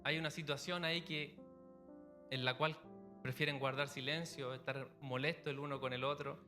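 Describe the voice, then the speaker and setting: A man's voice: mid-range voice, steady tone, normal speed, pushed and bright, faint music behind. A man preaching a sermon to a church congregation, telling everyday stories in a conversational way. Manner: conversational preaching with illustrative anecdotes. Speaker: pastor.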